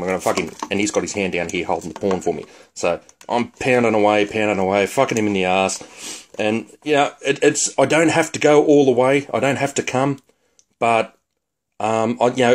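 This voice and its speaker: A man's voice: fairly low pitch, slight background noise. An Australian man ranting crudely and rambling in a blokey comedy video, recorded on a phone at home. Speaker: vlogger. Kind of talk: crude comedic rant acted out with toys.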